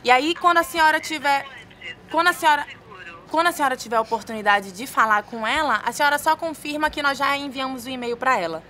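A Brazilian woman talks politely, like a service agent on a call. Her voice is bright and rather high, with faint noise behind it. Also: quick pace. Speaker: contestant making a prank call. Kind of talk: polite improvised customer-service phone pitch. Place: stone-walled room.

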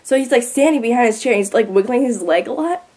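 A teenage girl tells a long story as a podcast guest, in a chatty voice pitched a bit high. She laughs her way through the funny parts. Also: expressive, fast talker, warm tone. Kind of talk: casual storytelling.

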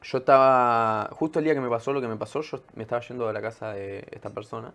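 A man's voice: mid-range voice, fairly even intonation, quick pace, a bit bright. A man with an Argentine accent, a guest musician in a casual interview, telling a story in a laid-back, slangy way. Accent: Argentine Spanish.

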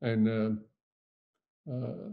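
An older man from Germany, a Holocaust survivor recounting his memories in a lecture, speaking in a halting, reflective way with many pauses. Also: on the low side, fairly even intonation, gravelly, phone-quality sound.

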